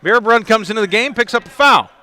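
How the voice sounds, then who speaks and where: Bright high-voiced basketball play-by-play man. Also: animated. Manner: quick to laugh, chatty between plays. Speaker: play-by-play commentator. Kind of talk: live basketball commentary. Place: arena broadcast position.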